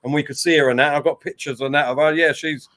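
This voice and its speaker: A man from the Isle of Dogs in East London co-hosts a casual football watchalong, reading out chat messages and calling the match. His voice is a little high and fast; he's chatty and breaks into excited calls on the play. There's slight background noise.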